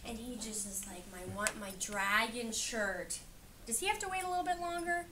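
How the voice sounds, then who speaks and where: Reading interactively to a child, this American woman pauses to chat and ask questions, then echoes the replies encouragingly. She speaks at normal speed in a voice on the high side, pushed and bright; the room is noisy and the mic distant.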